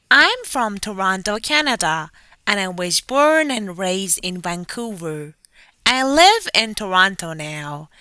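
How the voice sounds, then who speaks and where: A woman reading scripted example passages in an even, polished way. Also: medium pitch, no room sound. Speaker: narrator reading example texts. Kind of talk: scripted narration.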